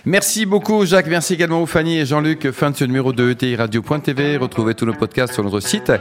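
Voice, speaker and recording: Man, radio host, interview show, rapid talker, chatty, finishes sentences. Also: a little high, soft background music.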